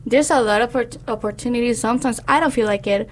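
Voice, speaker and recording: Higher-voiced young woman from Honduras. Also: fast talker, a little hiss or hum. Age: young adult. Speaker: interview guest, criminal justice student. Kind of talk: casual interview chat.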